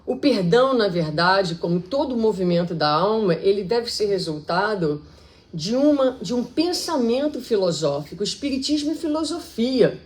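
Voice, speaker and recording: A woman with a Brazilian accent giving a public spiritist lecture in a conversational way, acting out quoted speech with lively shifts. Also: mid-range voice, moderate pace. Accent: Brazilian Portuguese.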